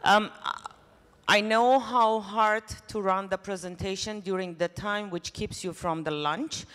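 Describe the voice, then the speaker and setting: A woman's voice: medium pitch, steady tone, measured pace, a bit bright. A woman from Armenia presenting at a conference in English, friendly and speaking directly to the audience. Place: conference hall. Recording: reverberant hall.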